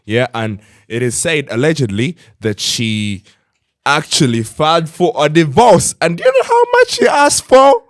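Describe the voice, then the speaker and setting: A man co-hosting a casual podcast chat, talking in an animated way and reading viewer comments aloud. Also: on the high side, normal speed, no room sound, studio quality. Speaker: podcast co-host.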